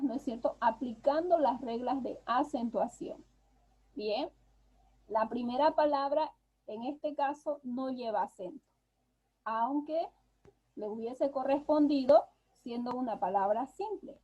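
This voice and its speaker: A woman's voice: high-pitched, warm tone, slightly rough. A woman teacher giving an online class over a video call, explaining patiently step by step and often checking in with a questioning "right?". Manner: patient, explanatory, tags phrases with "¿no?". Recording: dull lo-fi video call audio.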